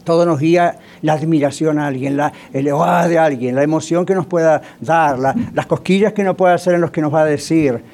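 High-voiced pastor preaching conversationally. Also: male voice, a little fast, few pauses, a little mellow. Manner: conversational preaching, many rhetorical questions. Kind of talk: sermon.

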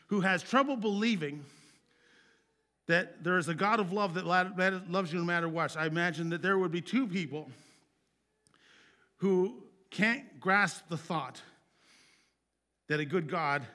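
Guy pastor giving a sermon, highish voice, chatty and earnest, gets loud then drops real quiet at the ends. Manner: earnest, conversational preaching with restarts and asides; swings from loud emphatic peaks to quiet low endings.

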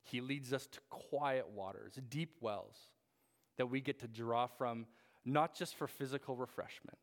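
A young man preaches a sermon in a hall with a long, ringing reverb. His pitch sits mid-range for a man, and he tells his story with many fillers and restarts. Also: a little slow. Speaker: pastor.

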